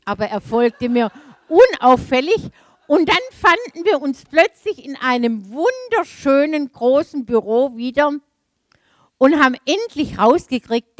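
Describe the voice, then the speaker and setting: Lively German woman preaching with anecdotes. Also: high voice, no room sound. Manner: lively storytelling, laughing asides. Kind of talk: sermon with personal anecdote.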